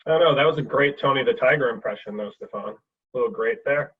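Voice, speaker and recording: A man's voice: medium pitch, fast talker, husky. Man on a tinny distant call line. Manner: conversational, leans on "you know" and "like". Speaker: co-host of a web forum show. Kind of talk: casual online meeting talk. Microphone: distant mic on a video call. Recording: tinny, phone-like call audio from off mic.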